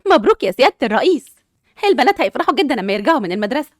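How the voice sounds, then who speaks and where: A woman's voice: high-pitched, big pitch swings, racing, no echo, clean studio sound. A woman with an Egyptian accent playing a cheerful, doting mother who talks in a bubbly way.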